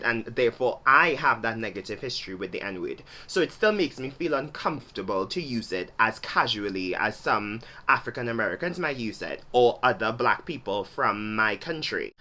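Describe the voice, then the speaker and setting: In this solo talk-to-camera vlog, a young Trinidadian man lays out his thinking thoughtfully and explains as he goes. His voice sits in the middle range and sounds pushed and bright, and his accent marks him as from Trinidad and Tobago.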